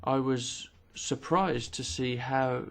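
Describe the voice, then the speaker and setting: At a parliamentary committee hearing, a male simultaneous interpreter renders the speeches formally and with measured pacing, pausing and dropping in an occasional filler. He has a mid-range, fairly bright voice with fairly even intonation.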